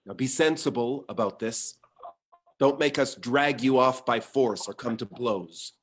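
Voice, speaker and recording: A man's voice: medium pitch, measured pace, a little hiss or hum, natural voice. A man as a cold Greek commander. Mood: cold businesslike. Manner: curt, matter-of-fact. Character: cool calculating Greek commander. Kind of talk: stage play reading.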